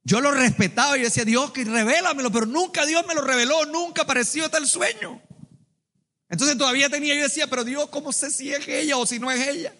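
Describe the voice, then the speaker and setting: A man preaching a sermon to a congregation, lively and colloquial, with joking asides, calling on the listeners to answer back. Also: very high-pitched, quick pace. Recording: long hall reverb.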